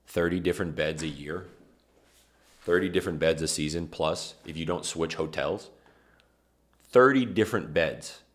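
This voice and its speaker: A young man hosting a streamed show, talking in loose, rambling slang and often stopping to correct himself. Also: extremely low pitch. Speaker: podcast host. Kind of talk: casual chat.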